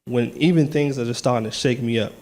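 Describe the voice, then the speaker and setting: A man's voice: mid-range voice, a little fast, darkish tone, faint music behind. A man giving a personal testimony at a church service, casual and earnest, laughing often, turning firm and declarative. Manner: nervous at first, then firm and declaring. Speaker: lay speaker giving testimony. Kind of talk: church testimony and short sermon.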